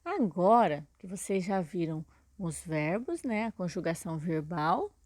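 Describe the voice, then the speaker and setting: A woman's voice: lowish voice, animated, a little slow, darkish tone, no echo. A woman teacher with a Brazilian Portuguese accent giving a recorded lesson, explaining step by step and checking in with "né?" and "tá?". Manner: patient, explains step by step with many "né?" and "tá?".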